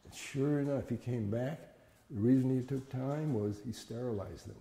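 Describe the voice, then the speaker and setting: An elderly man shares memories in a plain, conversational storytelling manner that halts now and then. His voice is very soft-edged and dark, with a gravelly creak. The recording rings with the long reverb of an echoey room. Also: mid-range voice, moderate pace. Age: older, 70s or above. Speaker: interviewee recounting childhood memories. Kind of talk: conversational oral-history storytelling.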